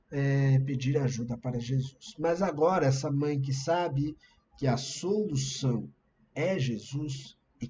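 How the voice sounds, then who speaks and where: Brazilian pastor preaching, muffled stream. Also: male voice, on the high side, darkish tone, a little hiss or hum. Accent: Brazilian Portuguese. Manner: conversational, explanatory, shares screen slides. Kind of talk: sermon.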